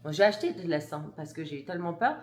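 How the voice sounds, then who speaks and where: A woman's voice: low voice, animated, fast talker, darkish tone, slight background noise. A mother vlogging to camera, telling a story emphatically and indignantly, with restarts and blunt words. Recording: roomy echo.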